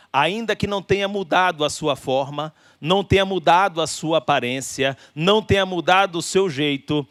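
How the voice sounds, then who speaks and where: A man's voice: on the high side, fairly bright tone, no room sound, studio quality. Brazilian man preaching emphatically. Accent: Brazilian Portuguese. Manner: emphatic preaching with deliberate pauses and stretched phrases. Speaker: pastor. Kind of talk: sermon.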